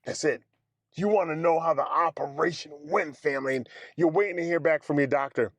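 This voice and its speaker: A man streaming, telling a personal story in a casual, animated way, acting out the dialogue and calling his listeners family and fellas. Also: fairly high pitch, brisk, no room sound. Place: home streaming setup.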